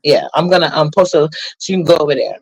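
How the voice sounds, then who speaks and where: A livestream host chatting casually and speaking to viewers in the chat. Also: female voice, low voice, darkish tone, dry recording, low-quality recording. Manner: quick, talks to the chat.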